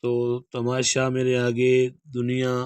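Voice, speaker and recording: Male lecturer, monotone delivery, clean dry recording. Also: medium pitch, clear, resonant tone, no room sound. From Pakistan. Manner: steady explanatory delivery, reads question then gives answer. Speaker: Urdu lecturer. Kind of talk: exam prep lecture going through model paper answers.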